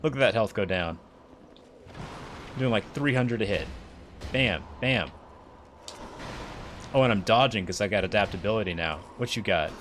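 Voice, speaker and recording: A man's voice: on the low side, normal speed, pauses often, a bit bright, slight background noise. A man streaming a video game, chatting casually and rambling upbeat about what he is playing. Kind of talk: casual gameplay commentary.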